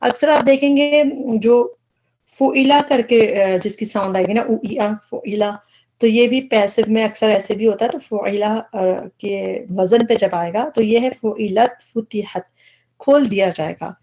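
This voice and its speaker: A woman's voice: on the high side, warm tone. A woman teaching a Quranic vocabulary lesson, explaining each word patiently and step by step, with English terms mixed into her speech.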